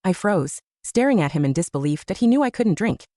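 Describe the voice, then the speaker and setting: A woman narrating a first-person romance audiobook story in an expressive storytelling manner. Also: medium pitch, a little fast, no room sound, studio quality.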